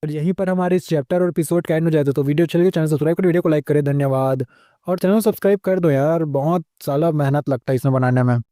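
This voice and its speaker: A man with a high voice recaps a story in a loose, slangy, joking way. His tone is soft and mellow. The recording is close and dry, with no room sound at all. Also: fast talker, no room sound. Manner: slangy, acts out every character's lines himself. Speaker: anime and manhwa recap narrator.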